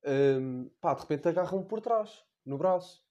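A man's voice: on the high side, lively intonation, measured pace, dark tone. A young man with a European Portuguese accent, hosting a comedic podcast monologue in a rambling, slangy, crude way. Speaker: podcast host.

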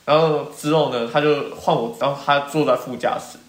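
A man's voice: on the high side, steady tone, a little fast. A young man with a Taiwanese accent chatting casually, his articulation a little slurred because he is wearing a retainer. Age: young adult. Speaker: podcast co-host. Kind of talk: casual chat. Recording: roomy, echoing indoor sound.

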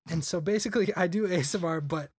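On a clean studio recording with no room sound, a young adult podcast guest talks quickly in a high, slightly rough voice. His casual chat rambles, packed with "like" as filler.

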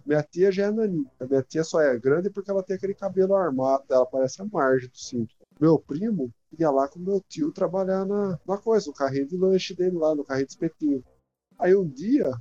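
A man in his thirties with a Brazilian Portuguese accent, telling slangy, animated stories as a podcast co-host. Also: on the high side, dull audio. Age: 30s. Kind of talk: casual chat.

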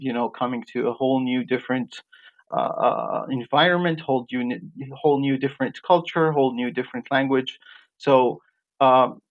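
A young man from Iraq, raised in Jordan, answering interview questions with many fillers and restarts. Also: mid-range voice. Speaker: guest, medical graduate. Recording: dull lo-fi sound.

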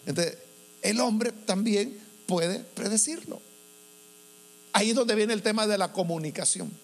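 A man preaching to a congregation, asking rhetorical questions and acting out the voices he quotes. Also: sits high. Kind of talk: sermon to a congregation. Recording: long hall reverb with mains hum.

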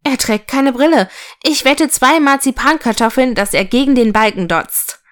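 An excitable male toy from a children's story, raised and loud, as a woman reads him. His voice jumps up above the narration. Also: sits high, normal speed, pitched above the performer's own voice, close to an everyday voice. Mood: eager.

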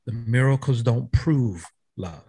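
A man's voice: medium pitch, animated, slow pace, dark tone, slightly rough, dry recording. A man hosting a faith podcast, earnestly explaining scripture and asking his guest questions. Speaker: podcast host. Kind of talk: interview with scripture teaching.

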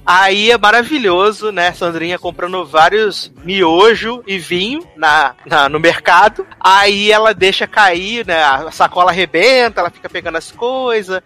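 A man's voice: sits high, a little slow, hardly any pauses. A man, co-hosting a casual chat and animatedly recapping a TV series, tagging his sentences with "né?". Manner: animated storyteller, tags sentences with "né?".

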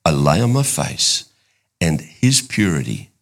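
An older man preaching a sermon, excitable, climbing to high emphatic bursts and then dropping low and intimate. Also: measured pace.

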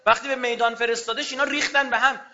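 A man preaching a fervent religious sermon to a gathering, swinging between loud outbursts and hushed low passages. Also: flat delivery, lo-fi sound.

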